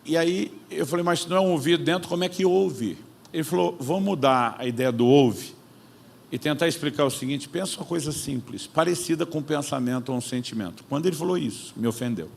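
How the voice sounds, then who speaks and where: A man preaching, an animated storyteller who acts out conversations in his own voice. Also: a little high, quick pace, creaky, a little hiss or hum. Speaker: pastor. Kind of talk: sermon storytelling.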